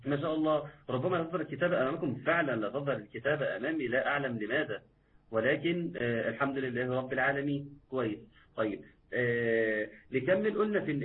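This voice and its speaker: Teaching recitation in a live online class, an Egyptian-accented man works patiently and repetitively, quizzing the viewers. His voice is mid-pitched, and the sound has a tinny, phone-like quality.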